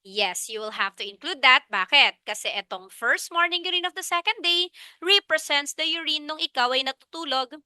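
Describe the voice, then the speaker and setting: A woman's voice: sits high, expressive, a little fast, bright, forceful tone, no room sound. A woman with a Filipino accent giving a review lecture, asking questions and answering them herself and repeating the key points. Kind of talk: review lecture mixing Tagalog and English.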